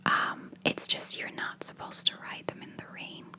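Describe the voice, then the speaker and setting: A woman whispering in a hushed voice, chatting casually in a rambling ASMR style. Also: normal speed. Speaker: ASMR video creator.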